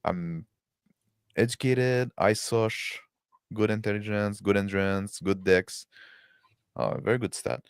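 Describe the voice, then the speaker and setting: A man musing aloud in casual, halting chat while building a tabletop game character. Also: on the low side, fairly even intonation, smooth, no room sound, clean studio sound.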